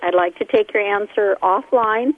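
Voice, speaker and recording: A woman calling in to a radio show over a phone line, polite and deliberate in how she phrases her question. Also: medium pitch, no echo. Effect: heard over a phone line.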